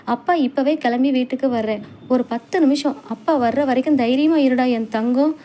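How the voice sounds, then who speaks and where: A woman's voice: high-pitched, moderate pace, dark tone, slight background noise, natural voice. A woman voicing a caring widowed father who talks to his daughter tenderly and anxiously. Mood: soothing. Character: caring widowed father, middle-aged man.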